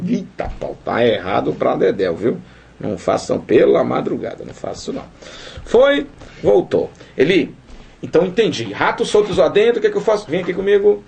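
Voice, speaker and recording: Medium in pitch, husky, and marked by vocal fry, a man's voice carries a spirited video lesson on Portuguese grammar. He keeps it playful and colloquial, talking right to the viewer and acting out questions from students.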